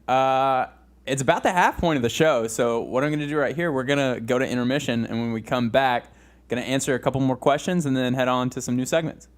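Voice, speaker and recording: A man's voice: medium pitch, fairly quick. A young man co-hosting a comedy podcast in casual chat, rambling and giggling with lots of restarts. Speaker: podcast co-host.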